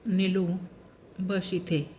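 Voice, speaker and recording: Woman reading a gentle husband sensing death. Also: fairly low pitch, fairly even intonation, extremely slow, slight background noise. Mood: tender.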